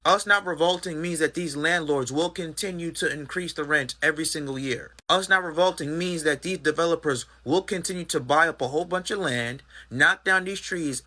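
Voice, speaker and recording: Man, bright edgy tone, angry profane commentary rant. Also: a little high. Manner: indignant, profane, rhetorical questions. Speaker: social media commentator.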